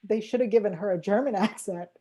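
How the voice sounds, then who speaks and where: Female panelist, warm mellow tone, frank and wry, lots of ums. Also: mid-range voice, fast. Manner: frank, complaining with a laugh, many ums. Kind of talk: casual panel discussion.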